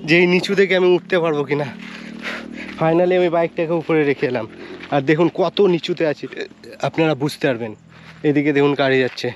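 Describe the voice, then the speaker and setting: A man's voice: on the high side, lo-fi sound, slight background noise. A man, vlogging and talking to viewers at a rural quarry lake. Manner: chatty, addresses viewers directly. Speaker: travel vlogger. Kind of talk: casual outdoor vlog narration.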